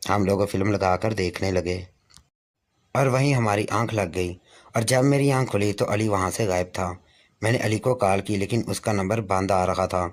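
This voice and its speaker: A man narrating a first-person moral story in a steady, even way. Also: lowish voice.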